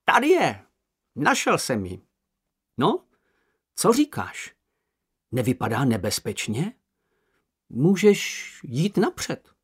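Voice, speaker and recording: A man voicing a small, timid, boastful male creature in an audiobook, with a squeaky, anxious, whiny manner. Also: wildly swooping pitch, long pauses, breathy edge, heavily acted. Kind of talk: audiobook character voice.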